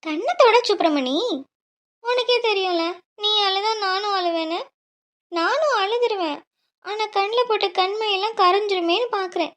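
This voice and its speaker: A bubbly young bride talks in a cheeky, loving way in a cartoon, voiced by a woman. Her voice is very high and squeaky. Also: moderate pace, fairly bright tone. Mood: cheeky, soothing. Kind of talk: cartoon voice acting.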